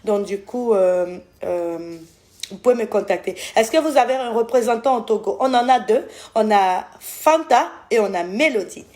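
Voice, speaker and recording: With a darkish tone, medium pitch, and lively intonation at a moderate pace, an Ivorian French-accented woman fields viewer questions about her skincare brand in a casual live Q&A. She's affectionate toward her audience but often loses her place and backtracks to correct herself.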